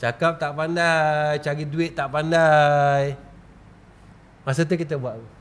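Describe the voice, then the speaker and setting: A man preaching a religious lecture in a Malaysian Malay accent, asking rhetorical questions and leading slow chanted recitations. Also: on the high side, fairly even intonation, a little hiss or hum. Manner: rhetorical questions, repeated 'tuan-tuan'.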